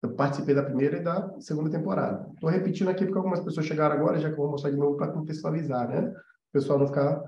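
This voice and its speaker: Racing along in a fairly high, steady, warm voice with vocal fry, this man teaches animation over an informal livestream, his Brazilian Portuguese accent clear as he explains and checks in with listeners. There's slight background noise, a roomy echo, and a dull, muffled quality.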